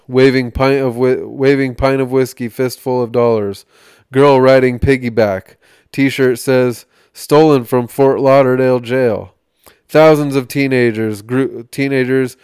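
Male podcast reader, steady and measured, smooth tone, dry close sound. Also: medium pitch, no room sound. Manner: measured reading with small slips and restarts. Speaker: podcast host reading aloud. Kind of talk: reading an article aloud.

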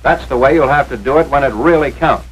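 On a noisy, radio-like 1940s film soundtrack, an American man with a mid-range voice narrates an instructional script a little fast. He sounds authoritative and enunciates carefully, as though teaching each step.

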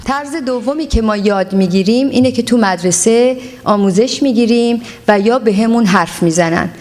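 A woman's voice: mid-range voice, darkish tone. Woman lecturing parents, earnest, tosses in english words, hall reverb. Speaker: parenting seminar speaker. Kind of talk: seminar lecture.

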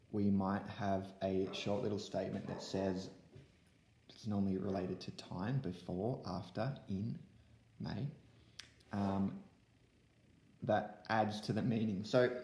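A man's voice: lowish voice, creaky, darkish tone, reverberant. A young man teaching an online lesson to young pupils from home, explaining step by step into a laptop webcam. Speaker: primary school teacher. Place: room at home.

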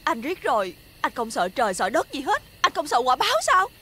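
A sharp-tongued wronged wife. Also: female voice, sits high, big pitch swings, brisk, noisy background. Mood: indignant. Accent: Southern Vietnamese. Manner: sharp, accusing, scolding. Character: indignant wronged young wife. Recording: music playing behind.

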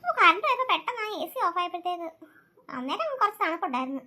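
A woman doing a very high, jumpy little girl. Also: very animated, rapid-fire, bright, forceful tone, heavily acted. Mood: musing. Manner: jumpy, frightened muttering to herself. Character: scared young girl alone at night. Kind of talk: cartoon voice acting.

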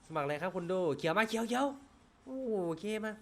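A man giving excitable, profane live commentary on a slot game stream. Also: high voice, fast, vocal fry. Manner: excitable, swears often, shouts at spins.

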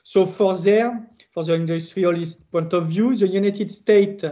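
A man with a French accent, French his first language, giving an earnest, halting presentation as a works council secretary on an online panel. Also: high-pitched, warm tone. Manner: earnest, halting non-native English. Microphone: video call. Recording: dull lo-fi video call audio.

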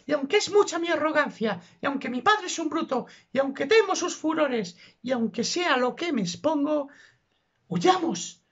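A woman's voice: high-pitched, fairly bright tone. A woman voicing a lovesick young noble daughter who exclaims melodramatically, in a dull, muffled recording.

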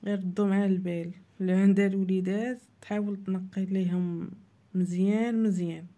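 A woman with a Moroccan Arabic accent talks viewers through a home recipe in a cooking voice-over. Her voice is very dark and mellow, middle in pitch, and her delivery is plain and instructive. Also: steady tone, fast talker. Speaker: cooking channel host.

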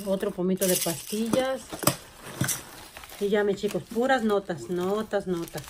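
A woman vlogging casually as she unboxes finds, gushing with excitement and calling to her viewers. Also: medium pitch, background noise.

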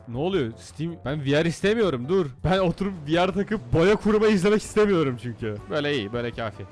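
A man commentating as he plays computer games, excitable and jokey, often shouting at the game. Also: a little high. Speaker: gaming YouTuber. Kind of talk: let's play commentary.

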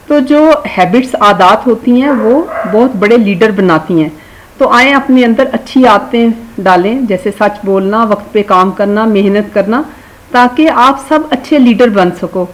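A woman's voice: medium pitch, a little hiss or hum, low-quality recording. A woman teaching children a beginner Urdu lesson, spelling words out letter by letter and praising them as she goes. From Pakistan. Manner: drawn-out, slow spelling of words, warm coaxing praise.

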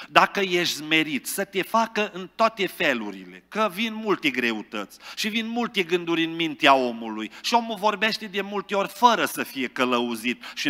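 A man preaching a fervent sermon as pastor, rising at times to loud exclamations. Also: a little high. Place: large church hall. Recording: long church reverb.

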